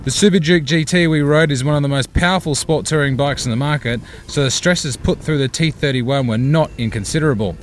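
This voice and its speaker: A man giving a scripted voice-over for a motorcycle tyre review, reading technical details in a measured, steady way. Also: a little high, slight background noise.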